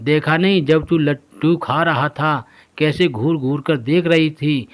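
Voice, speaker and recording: A man's voice: on the high side, unhurried, natural voice. A man voicing a harsh, scornful middle-aged stepmother in a storybook tale, scolding and sneering. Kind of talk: storybook voice acting.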